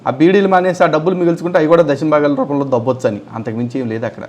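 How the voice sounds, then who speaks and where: A man's voice: on the high side, steady tone, racing, a little mellow. A man commentating on testimony clips, scornful and mocking, often throwing insults. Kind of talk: angry reaction commentary.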